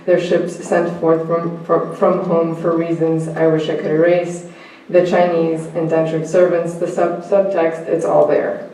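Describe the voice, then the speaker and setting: A woman's voice: fairly low pitch, warm tone. A woman speaking at a panel, reading a reflective personal essay with light humor and asking the audience questions. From United States. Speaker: conference speaker. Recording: echoey hall, distant mic.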